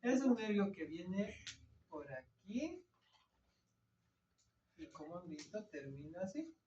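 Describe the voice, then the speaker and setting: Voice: mid-range voice, sing-song, slow pace, mellow, recorded from a distance. Anatomy lecturer, quizzing the class, answers own questions, muffled lo-fi sound, faint background hiss. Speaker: anatomy teacher. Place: classroom, drawing at a board. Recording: echoey classroom recorded from afar, dull lo-fi.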